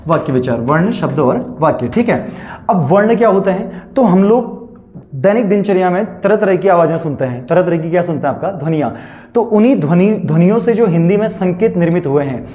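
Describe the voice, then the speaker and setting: A young man teaching a class, drilling every point by asking a question and answering it himself. His voice sits a little high yet sounds mellow and dark. He repeats each phrase slowly so students can write it down. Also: lively intonation. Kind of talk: dictating a grammar lesson.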